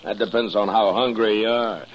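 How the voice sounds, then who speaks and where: A calm, dry-humored frontier marshal in an old radio western. His voice sits very low and unhurried, with a wry edge. It comes through as a muffled AM radio broadcast with a faint hiss. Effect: old AM radio broadcast sound. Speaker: lead actor in a radio western. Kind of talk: 1950s radio drama acting.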